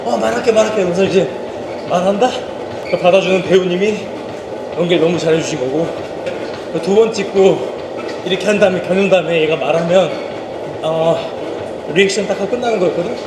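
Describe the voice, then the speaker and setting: A man telling behind-the-scenes stories casually while slow running, acting out bits of dialogue as he goes. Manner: animated retelling, acting out quoted dialogue. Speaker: actor vlogging about his drama work. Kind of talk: casual storytelling chat to camera. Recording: echoey, noisy with rumbling ambience.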